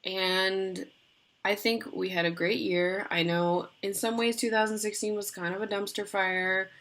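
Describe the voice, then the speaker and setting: Woman co-host on a video call, casual chat, middle pitch, talks in loose rambling runs peppered with fillers. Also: fairly even intonation, measured pace, a bit bright. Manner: chatty, rambling, lots of "like" fillers. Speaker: podcast co-host.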